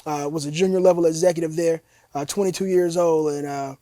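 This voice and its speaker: A young man with a notably high yet mellow, soft-edged voice talks as an interview guest. He is earnest and reflective, often restarting with fillers. The recording is dry and close. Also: steady tone, a little fast, dry recording. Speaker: guest, university executive. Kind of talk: casual interview chat.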